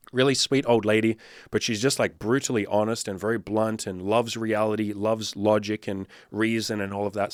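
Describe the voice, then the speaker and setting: A man's voice: fairly low pitch, no room sound, studio quality. A man in his thirties, a dating coach giving blunt, profane, fired-up advice in a casual monologue. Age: 30s.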